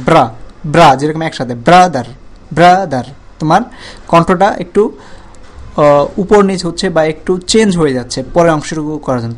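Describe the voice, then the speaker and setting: A man teaching a grammar lesson, drawing words out slowly to break them into syllables, with frequent pauses and restarts. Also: on the high side. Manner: repeats and stretches words slowly to show syllables.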